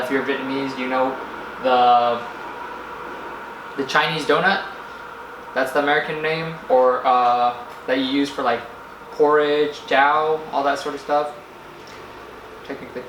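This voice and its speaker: A man narrating a casual food vlog in a rambling, halting way, often searching for words. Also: mid-range voice, steady tone. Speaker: food vlogger. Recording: echoey room with faint background noise.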